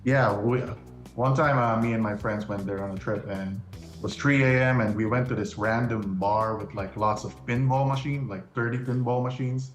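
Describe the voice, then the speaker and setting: A man's voice: medium pitch, steady tone, moderate pace, faint music behind. Laid-back young man in a roomy studio. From upstate New York. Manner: laid-back, chuckling often. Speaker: quiz contestant. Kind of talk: casual interview chat. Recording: roomy echo.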